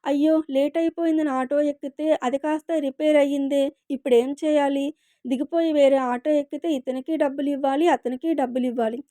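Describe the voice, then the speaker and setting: A woman's voice: sits high, steady tone, fairly quick, mellow, dry recording, studio quality, natural voice. A woman voicing a young woman's worried inner thoughts in a read-aloud story. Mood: troubled. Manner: wondering, troubled inner questions. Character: young woman worrying to herself.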